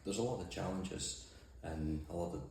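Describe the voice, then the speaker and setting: Speaking from an office, this Shetland man, who farms mussels and skippers a boat, gives understated, matter-of-fact interview answers. His voice sits low and a little mellow, with vocal fry, at a moderate pace. Faint noise and heavy echo fill the recording.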